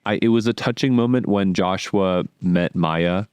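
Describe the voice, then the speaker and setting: A man's voice: sits low, normal speed, a little mellow, clear, resonant tone, dry recording. A young man co-hosting a casual movie review podcast, slangy and blunt with hesitant fillers. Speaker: podcast co-host.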